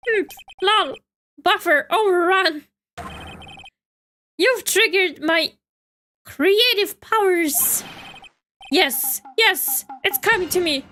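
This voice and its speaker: A woman's voice: extremely high pitch, sharp tone, a little hiss or hum, pitched above the performer's own voice, exaggerated voice. A woman reading a boastful, sneering nerdy male TV director in a video game, talking in slang.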